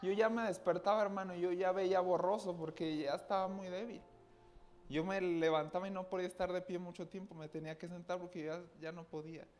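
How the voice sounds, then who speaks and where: A man's voice: high voice, flat delivery, brisk. A man giving a personal testimony to a congregation, earnest, often turning to his listeners directly. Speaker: church speaker giving testimony.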